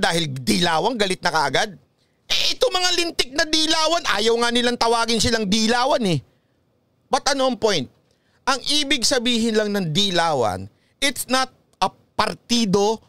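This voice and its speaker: A man's voice: high-pitched, a bit bright, dry recording. A man from the Philippines giving opinionated political commentary in a vlog, mocking and lecturing, chuckling often and switching into English. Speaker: political vlogger.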